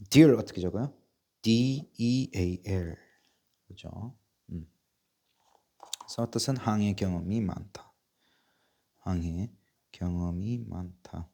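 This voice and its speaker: A male English teacher running a patient spelling drill, spelling words out slowly letter by letter and coughing now and then from a sore chest. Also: on the low side, darkish tone. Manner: patient, repetitive, asks and answers himself. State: coughing, bronchial trouble. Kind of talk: slow spelling drill lesson.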